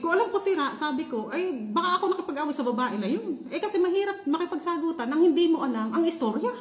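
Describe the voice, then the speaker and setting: A young Filipina woman telling a story in a casual vlog, animated and laughing often. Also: high voice, roomy sound. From Philippines. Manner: animated, laughing, shrieks when reenacting. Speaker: vlogger.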